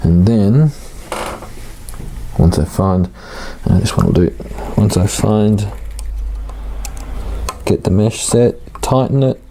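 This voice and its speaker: A man giving a casual, hands-on tutorial, informal and halting as he thinks aloud while working. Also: lowish voice, dark tone, a little hiss or hum. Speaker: hobbyist host of an RC car build series.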